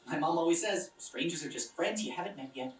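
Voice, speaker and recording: An actor voicing an awkward, friendly young blond guy who talks in a sheepish, hesitant way in an animated series. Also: on the high side, a little fast, lightly acted. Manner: sheepish, hesitant and self-deprecating. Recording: echoey, distant playback with music.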